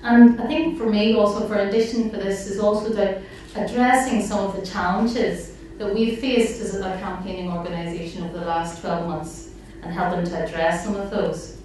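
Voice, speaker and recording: A woman's voice: mid-range voice, steady tone, normal speed, hardly any pauses, a little mellow, a little hiss or hum. A woman giving an earnest speech at an event, for the campaign organisation she works for, with some filler ums. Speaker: staff member at a campaign organisation. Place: event hall. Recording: echoey hall, mic at a distance.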